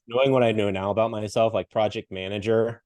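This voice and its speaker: Lively storytelling man, low voice. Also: a little fast, no room sound. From Western Pennsylvania. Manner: animated storyteller acting out quoted voices, laughs often. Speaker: podcast guest, coach and speaker. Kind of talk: casual storytelling interview.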